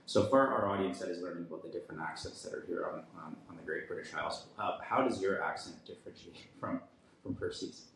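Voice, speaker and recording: A man with a deep voice hosts a casual interview. The room echoes heavily around him, and faint noise sits behind his words. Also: quick pace, vocal fry, a bit bright. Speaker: host.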